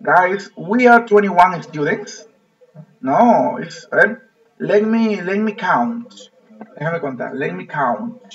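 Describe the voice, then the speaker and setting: Male English teacher, patient and repetitive, slightly high voice, muffled distant sound. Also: lively intonation, slow, creaky, husky. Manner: repetitive, coaxing, laughs often. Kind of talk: online class teaching, mixing Spanish and English. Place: online video class.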